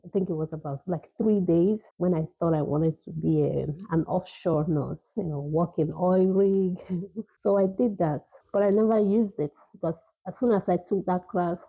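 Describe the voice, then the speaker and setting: A woman's voice: lowish voice, normal speed, gravelly, mellow, husky, no echo, low-quality recording. A middle-aged Nigerian woman, an emergency nurse, chatting casually to her vlog viewers while she eats, often laughing and restarting her sentences. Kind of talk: casual chat while eating.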